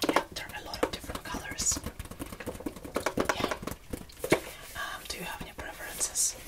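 Casting: young woman for whispered role-play as a make-up artist, brisk fast ASMR, breathy, set a little back from the mic. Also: distant mic. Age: young adult. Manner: brisk, repetitive fast ASMR delivery, attentive. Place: small indoor room.

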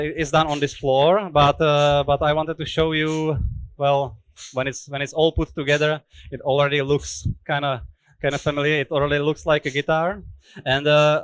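In an indoor guitar workshop, a Czech man in his thirties speaks English through a headset mic, explaining guitar making on a factory tour with many restarts and fillers. His voice is fairly high, a bit bright and smooth, captured in a dry, low-quality recording.

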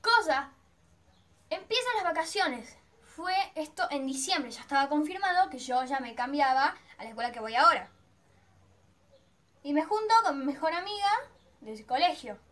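In a chatty vlog, an Argentine teenage girl recounts something that happened to her, theatrically performing how she reacted. Her high-pitched voice is animated and fairly bright, at a moderate pace.

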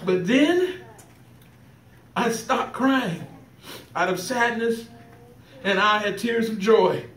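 High-voiced man preaching in an echoey church. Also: animated, slow pace, fairly bright tone, a little hiss or hum. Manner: emotional, fervent, laughs while telling stories. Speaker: preacher giving a trial sermon. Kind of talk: testimony sermon. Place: church sanctuary. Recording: echoey church recorded from a distance. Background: congregation calling back responses.

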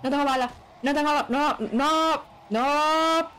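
A woman, giving excitable let's-play commentary on a horror game and chanting repeated words. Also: high voice, slow pace. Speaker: gaming YouTuber.

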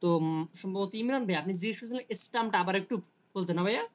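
A man giving an online linguistics lecture who explains slowly, reads English passages aloud and answers students by name. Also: high voice, slight background noise. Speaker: teacher.

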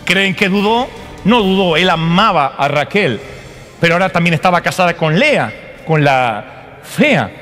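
A man preaching, retelling a story with humor, animated and full of asides to the audience. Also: high-pitched, moderate pace, faint music behind. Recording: long hall reverb, live sermon.

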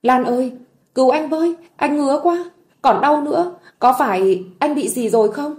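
A woman's voice: high-pitched, normal speed, darkish tone, voice pushed up, close to an everyday voice. A woman voicing an injured young husband who begs his wife for help in a whimpering voice. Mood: pleading. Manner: whimpering, begging.

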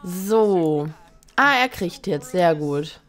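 A woman's voice: lowish voice, lively intonation, very slow, a bit bright. Chatty woman narrating a game. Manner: chatty, reads game options aloud, teasing asides. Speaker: let's play host. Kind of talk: casual game commentary.

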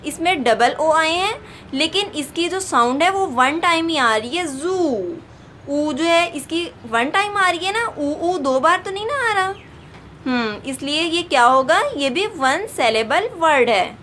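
A woman's voice: sits high, a bit bright, slight background noise. A woman with a Pakistani accent teaching a kindergarten English lesson, spelling out each word letter by letter and repeating it. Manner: slow, spells words letter by letter and repeats them. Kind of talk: recorded classroom lesson.

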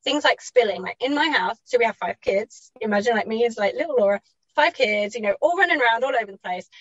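A woman's voice: fairly high pitch, lively intonation, fast talker, dry recording. Chatty woman on a dull, dry line. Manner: chatty, laughs often, self-correcting. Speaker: parenting mentor guest. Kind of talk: reflective personal storytelling.

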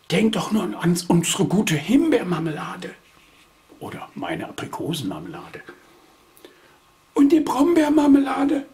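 A tiny fretful storybook creature whispers high and breathy, worrying aloud in a whispered role-play as a man reading puts it on. The voice swoops lively up and down and lingers slowly on each word. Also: exaggerated voice. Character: small fretful green-haired creature child, male.

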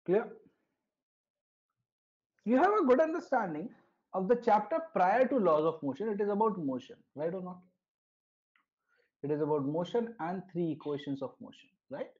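The dull, lo-fi audio of a live online class captures a man with a North Indian accent teaching physics via video call, regularly checking comprehension with brief tag questions. His voice sits high and is sing-song and a little mellow, at a moderate pace with frequent pauses.

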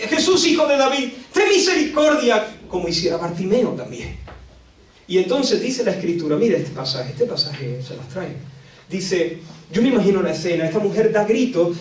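A man from Spain with a Spanish accent preaching a sermon at a church retreat, dramatic, swinging between loud outbursts and hushed lines. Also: very high-pitched. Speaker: pastor. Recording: echoey room, distant mic.

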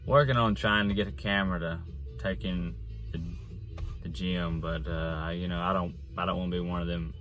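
Deep male voice, forties, halting folksy vlog chat, car interior. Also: fairly even intonation, a bit bright, soft background music. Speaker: fitness vlogger. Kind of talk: casual off-the-cuff vlog talk. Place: inside a parked car.

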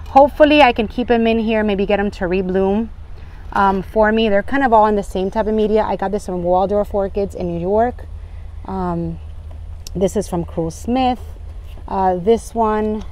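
A woman vlogger chatting casually and a little ramblingly as she shows plants, recorded outdoors on a handheld phone. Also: medium pitch. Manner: chatty, rambling, apologetic asides. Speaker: vlog host. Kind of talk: casual chat while showing garden plants. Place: outdoors in a home garden and patio. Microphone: handheld phone behind the camera.

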